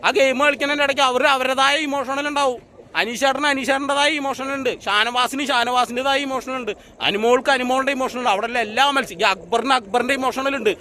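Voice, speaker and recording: A man's voice: very high voice, steady tone, fast talker, pushed and bright, a little hiss or hum. A man giving a blunt, outspoken review of a reality show to his channel's viewers, circling back over the same points. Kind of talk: casual spoken review monologue.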